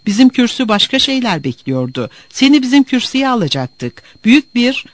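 Man playing a frail old professor, high pleading voice, lively, dry sound. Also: normal speed, dry recording. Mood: insistent. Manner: pleading, insistent. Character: frail thin older male law professor, earnest.

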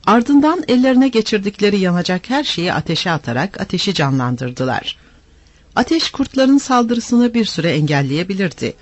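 A man narrating an adventure story aloud in an expressive, animated reading style. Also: sits high, moderate pace, no room sound. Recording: dry, slightly dull lo-fi.

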